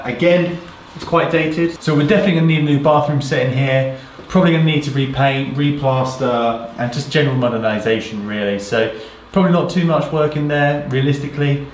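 A man in his thirties from the UK talks his way through a bare, empty house in a relaxed, thinking-aloud manner, filling his pauses with ums. The hard rooms ring with echo, and the camera mic sits a step or two away from him. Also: medium pitch, slight background noise. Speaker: property renovator. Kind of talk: casual walkthrough vlog. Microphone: camera mic at a distance. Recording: echoey empty rooms, slightly distant mic.

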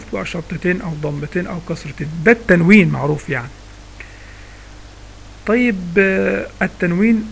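A man's voice: fairly high pitch, creaky, slight background noise. A man with an Egyptian accent teaching a recitation lesson in a casual spoken style. He asks himself questions and then answers them step by step. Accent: Egyptian Arabic.

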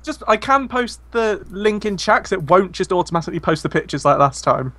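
A man's voice: high voice, lively intonation, brisk, over a noisy crowd. A man, a podcast guest, joking and rambling through casual banter.

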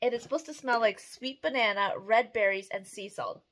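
Higher-pitched, chatty woman. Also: normal speed. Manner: chatty, expressive. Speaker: host of a candle review video, mother. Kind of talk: casual chat to camera. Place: small room indoors at home.

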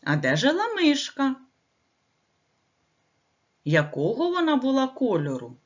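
A woman's voice: high-pitched, wildly swooping pitch, a little slow. A woman telling a fairy tale to small children as a teacher, asking them questions, on a dull lo-fi recording. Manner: asks children questions, sing-song.

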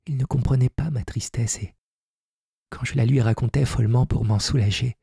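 Male reader as an earnest, grieving man in a storybook, dark and husky, dry close sound. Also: lowish voice, no room sound, heavily acted. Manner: earnest, sorrowful confiding. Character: grown man pleading with a fairy, sorrowful. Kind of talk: audiobook character reading.

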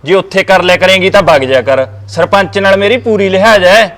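An actor voices an exasperated husband in a village comedy drama who is stuck between his wife and his mother. He talks fast, and his voice is high for a man. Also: a bit bright. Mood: bickering. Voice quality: exasperated, bickering. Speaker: husband and son.

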